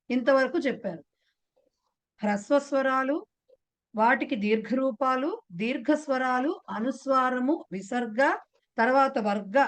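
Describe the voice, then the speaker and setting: A woman with a Telugu accent teaching a beginners' class, explaining patiently and putting questions to her students. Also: fairly high pitch. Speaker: Sanskrit teacher. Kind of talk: online class lecture.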